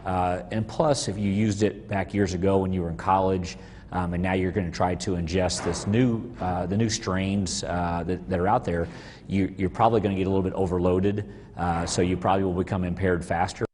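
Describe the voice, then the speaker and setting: A middle-aged man giving a halting, unscripted interview answer, searching for words. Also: steady tone, a little mellow. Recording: boomy reverberant room, low rumble.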